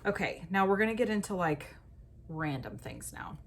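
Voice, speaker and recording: This lifestyle vlogger chats animatedly at normal speed in a mid-range voice, wandering through money-saving tips with self-deprecating asides and plenty of "like". There's a bit of hiss or hum.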